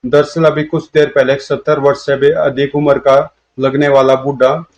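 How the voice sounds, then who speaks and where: A man's voice: mid-range voice, little pitch movement, moderate pace, natural voice. A man voicing a chatty old uncle explaining neighborhood gossip, in a comic storybook reading. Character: elderly male household elder, chatty neighbor. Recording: dull lo-fi audio.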